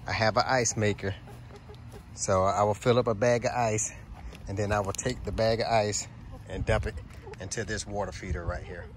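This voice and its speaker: In a backyard garden, a homesteading vlogger walks viewers through his chicken setup, filmed on a handheld phone camera. His voice is lowish with fairly even intonation and a moderate pace, and background noise is audible. He explains things plainly and amiably, step by step, in a casual demonstration.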